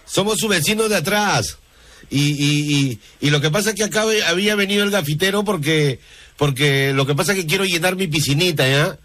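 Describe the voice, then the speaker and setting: A man's voice: fairly high pitch, fairly quick, fairly bright tone. Stammering male prank caller. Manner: hesitant, stammering fillers, playing innocent. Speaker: prank caller, radio host. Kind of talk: prank call.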